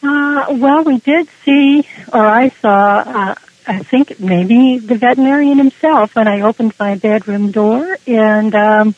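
A woman's voice: a little high, a little slow, no room sound. Woman guest with dull lo-fi sound. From Canada. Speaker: interview guest. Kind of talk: casual conversational storytelling.

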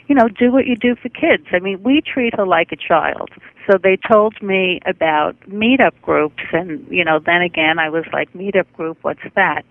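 A woman's voice: fairly low pitch, dry recording. A middle-aged woman, a guest in an interview, chatting effusively and rambling through her stories. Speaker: guest, dog owner. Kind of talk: casual interview chat. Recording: tinny phone-line radio audio.

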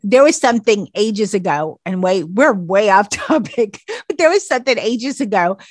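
A woman hosting a show in an upbeat, chatty style, her voice hoarse and nearly gone. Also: mid-range voice, expressive, moderate pace, no echo, studio quality. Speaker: podcast host.

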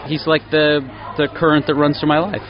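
A man's voice: on the high side, little pitch movement, a little fast. A man giving a casual interview as a dog owner at a busy event. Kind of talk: casual chat. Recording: dull sound in a noisy crowd. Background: crowd chatter.

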